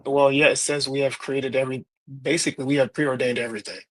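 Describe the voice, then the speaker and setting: A man's voice: medium pitch, steady tone, fast talker, no room sound. A man chatting casually during a debate, saying bro and crazy. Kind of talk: casual chat.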